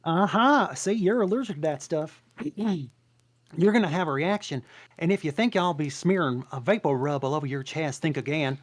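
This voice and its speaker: A chatty, anxious donkey frets and jokes at full tilt, as a performer reads him at a table read. He talks fast and swings his voice up when he worries. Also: mid-range voice, expressive, natural voice. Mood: fretful. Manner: fast, fretful and jokey.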